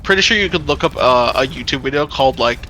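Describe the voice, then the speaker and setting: A young man hosting a game let's play, telling a story in a casual, animated, profane way with lots of laughter. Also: medium pitch, fast talker, slight background noise. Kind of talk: casual storytelling while gaming.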